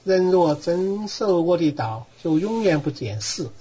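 A man reading scripture aloud in a steady, measured way. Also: high-pitched, a little hiss or hum. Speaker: guest reader. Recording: dull lo-fi recording.

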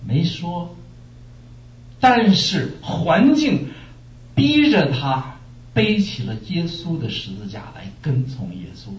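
Pastor, man from China, lively sermon voice, fairly high, heard from afar with dull sound. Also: slow pace. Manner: animated storytelling with rhetorical questions. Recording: echoey room, distant muffled mic.

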